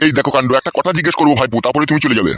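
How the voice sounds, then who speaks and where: A man doing a gruff furious cartoon father. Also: mid-range voice, racing, no room sound, dull audio. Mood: rueful. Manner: rough shouted abuse, weary grumbling. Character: angry middle-aged father, harsh then rueful. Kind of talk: adult comedy cartoon dubbing.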